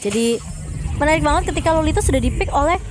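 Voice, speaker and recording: A woman with an Indonesian accent doing excited live esports commentary as a shoutcaster, in a fighting game announcer manner. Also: high voice, fast talker. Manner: fighting game announcer style calls, drawn out at climaxes. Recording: game music behind the voice.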